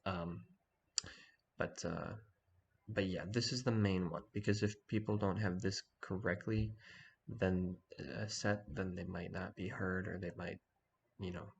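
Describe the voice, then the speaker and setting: A man talking quietly in the early morning so as not to wake anyone, giving a casual screen-share walkthrough. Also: deep voice, fairly even intonation, measured pace, creaky, slightly rough. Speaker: online community organizer giving a tutorial.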